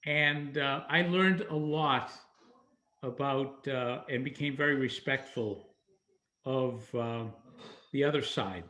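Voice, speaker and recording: Slow, searching man of Greek origin. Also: mid-range voice, bright, forceful tone. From Greece. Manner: slow, searching, drawn-out phrasing. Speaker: guest, civil engineer. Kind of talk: casual video-call chat.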